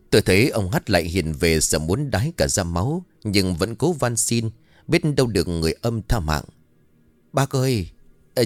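Lively male horror-comedy storyteller. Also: low voice, no echo.

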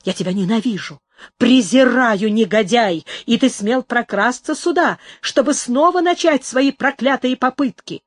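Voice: a little slow, no echo, lightly acted. A reader voicing Amaranta, a shrieking terrified young woman. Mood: furious. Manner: high, loud, cries out in terror and fury. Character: desperate young woman fighting off an attacker.

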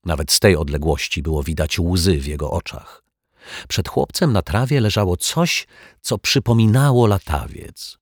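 A man narrating a children's audiobook in a gentle, playful storytelling manner. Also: low voice, normal speed, slightly rough, dry recording, clean studio sound.

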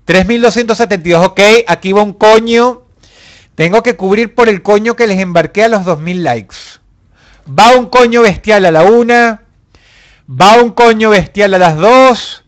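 A young man hosts a live stream in a high, bright voice. He reads out his viewers' comments and answers them with profane, mock-angry jokes. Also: normal speed. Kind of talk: casual live chat.

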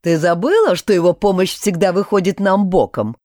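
A woman's voice: lowish voice, normal speed, dark tone, no echo, studio quality, lightly acted. Woman voicing a sardonic young necromancer. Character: young man, wary necromancer, sharp-tongued.

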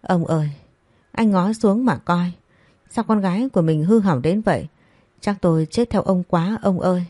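A woman's voice: fairly low pitch, normal speed, dark tone, no echo, natural voice. A woman voicing an angry, scolding middle-aged mother in a storybook reading. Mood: pleading. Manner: harsh scolding.

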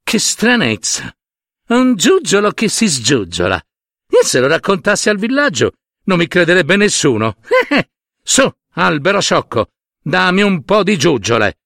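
A rude young girl from a fairy tale sneers and cackles in a piercing, high voice, as a man puts her on. Her pitch leaps around wildly as she scoffs. The sound is close and dry. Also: wildly swooping pitch, measured pace, dry recording, heavily acted. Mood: mocking. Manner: shrill, scornful, laughing.

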